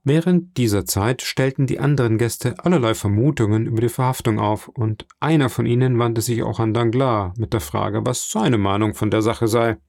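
A man narrating a novel as an audiobook in a steady, measured storytelling manner. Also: mid-range voice, creaky, no echo, clean studio sound.

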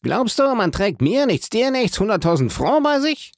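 A man voicing a haughty, indignant rich gentleman in an audiobook, with imperious, exasperated outbursts. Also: a little high, animated, moderate pace, vocal fry, no echo, clean studio sound, voice pushed up. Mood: outraged. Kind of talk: audiobook character voice.

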